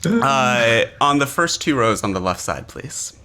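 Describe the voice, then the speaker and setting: Lively, slow-paced male game master. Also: medium pitch, clean tone. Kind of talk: narrating a tabletop game. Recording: faint background noise.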